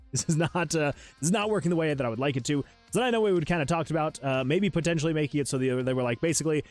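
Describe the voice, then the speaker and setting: Man talking on a game dev livestream, rambling, self-deprecating, desk mic, faint music behind. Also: fairly high pitch. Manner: rambling, restarts often while fiddling with software; chatty and self-deprecating, laughs often. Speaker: solo game developer and streamer. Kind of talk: casual livestream chat. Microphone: USB desk microphone.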